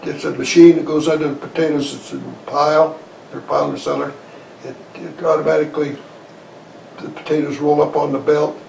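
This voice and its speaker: A man in his eighties recalling his life in a halting, folksy, plain-spoken interview style. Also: a little high, little pitch movement, creaky, darkish tone. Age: 80s. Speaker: Korean War veteran being interviewed. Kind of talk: conversational oral-history recollection. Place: small living room, indoors, in armchair. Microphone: lavalier clipped to shirt. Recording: roomy, distant sound with faint noise.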